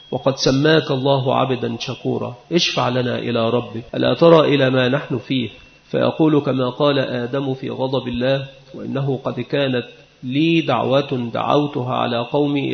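A man teaching a religious lesson, explaining a text in a measured, explanatory way. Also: medium pitch, gravelly. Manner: measured, explanatory, recites quoted speech. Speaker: Islamic scholar teaching. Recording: echoey, dull lo-fi recording.

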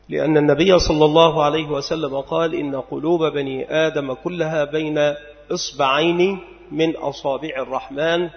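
A man teaching a classical religious text, going slowly and deliberately and spelling out word forms one by one. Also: fairly high pitch, creaky. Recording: lo-fi recording with long hall reverb.

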